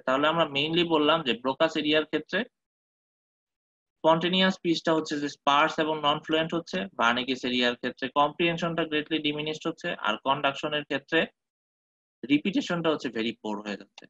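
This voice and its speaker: A man delivers a medical lecture quickly in a bright, forceful, slightly high voice, often pausing to make sure his students are following and mixing English terms into his explanations. The recording is dry and close, with a slightly dull tone.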